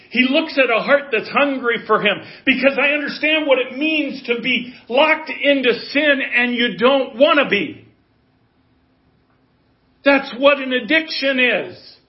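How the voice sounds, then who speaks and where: A man's voice: very high-pitched, a little slow. A man in his fifties preaching a sermon in an earnest, conversational way, rising to emphasis. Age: 50s. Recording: dull lo-fi audio.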